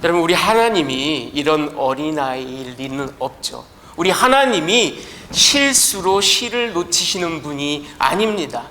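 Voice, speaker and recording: A male pastor preaching a sermon in a church, telling a story in an animated, emphatic way. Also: on the high side, unhurried, a little hiss or hum.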